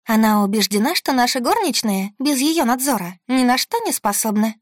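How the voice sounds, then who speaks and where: Narrator doing a bright cheerful young woman in a storybook, light and amused, dry sound. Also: on the high side, animated, normal speed, no room sound, voice pushed up.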